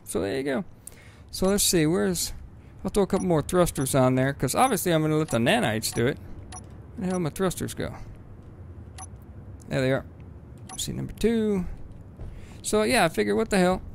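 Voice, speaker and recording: Gravelly man casually narrating a game. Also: high voice, slight background noise. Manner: rambling, swears casually, excitable bursts. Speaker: gaming video host. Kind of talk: casual let's-play commentary.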